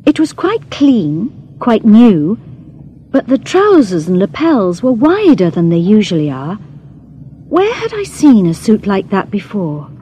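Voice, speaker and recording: A woman narrating a first-person story in a measured, expressive reading. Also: medium pitch, a little hiss or hum. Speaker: audiobook narrator.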